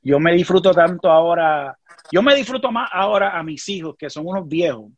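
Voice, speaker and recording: A man's voice: fairly high pitch, animated, brisk, dry recording. A middle-aged man with a Puerto Rican accent, a guest telling a personal story in casual conversation, earnest and often checking in with the listener. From Puerto Rico.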